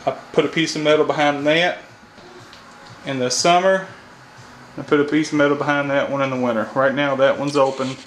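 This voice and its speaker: Filmed on a camera mic, this HVAC tech in his thirties talks through heating and air repair in a Kentucky accent, starting outside at an AC unit before moving into a house. He speaks a little fast at medium pitch with a steady tone, thinking aloud in a folksy way and dropping frequent "all right"s. The audio is poor, with slight background noise.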